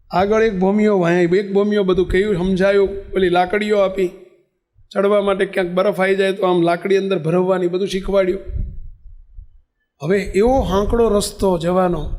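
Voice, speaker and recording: A man preaching a sermon as a lively storyteller, often checking in with his listeners. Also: high voice. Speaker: religious preacher.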